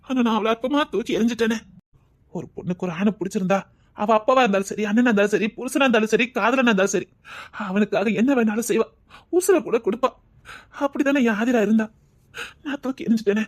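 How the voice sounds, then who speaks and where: A woman plays a grown village uncle who broods and blames himself, with a Tirunelveli Tamil accent, in a homemade comedy skit. The words tumble out fast in a slightly raised voice. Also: a little high, natural voice. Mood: regretful. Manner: brooding, self-reproaching. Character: regretful grown man, the children's uncle.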